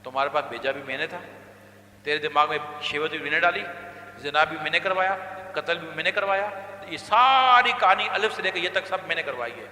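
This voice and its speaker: A preacher voicing a cunning devil who murmurs temptations in a low, hushed purr. The voice keeps a sharp, bright edge and rings in a roomy hall with a long echo tail. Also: male voice. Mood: gloating. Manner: coaxing, hushed and lower than his own voice. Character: sly male devil whispering temptations. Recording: echoey hall reverb.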